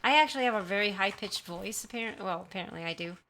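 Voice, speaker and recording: A woman livestreamer chats casually with her viewers from a room at home, rambling and apologizing often, picked up by a desktop condenser mic set to high sensitivity. Her medium-pitched voice is expressive, fast and sharp, with a little hiss or hum.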